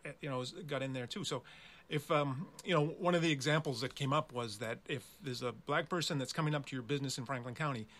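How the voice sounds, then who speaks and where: A man's voice: medium pitch, fast talker, a bit bright. A man, a guest in a casual interview, explaining community work earnestly.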